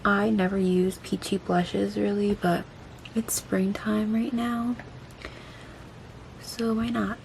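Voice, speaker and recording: A woman with a creaky, mid-pitched voice talks casually to viewers as she does her makeup. Her mouth and jaw are swollen after wisdom teeth surgery, and she is chatty and self-deprecating about it. There is faint noise behind her. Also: level tone, slow, pauses often, darkish tone. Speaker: beauty vlogger. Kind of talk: casual chatty get-ready-with-me makeup vlog.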